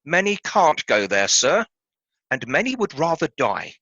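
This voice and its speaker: Man playing an earnest gentleman, bright and very animated. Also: a little high, a little slow, breathy edge, no echo, dull audio, full character voice. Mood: polite, pleading. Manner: courteous, formal, earnest. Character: polite, earnest gentleman charity collector. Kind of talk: radio play acting.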